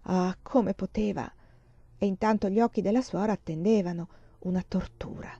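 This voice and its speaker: A woman reading a novel aloud in a measured, expressive way. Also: medium pitch, dry recording, dull audio. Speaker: audiobook reader. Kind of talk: literary reading.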